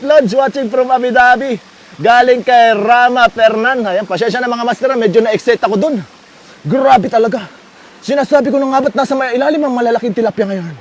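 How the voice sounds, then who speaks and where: High-voiced man chatting on a fishing livestream. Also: a little hiss or hum. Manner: chatty and playful, laughs often, shouts with excitement when a fish bites. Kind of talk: live fishing commentary.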